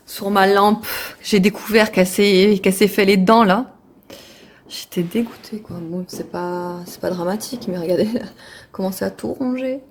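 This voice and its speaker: A woman's voice: mid-range voice, fairly even intonation, moderate pace, roomy sound. A woman chatting casually to the camera in a home vlog, full of fillers and restarts. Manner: chatty, many fillers and restarts, fond baby talk to pets and baby. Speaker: family vlogger.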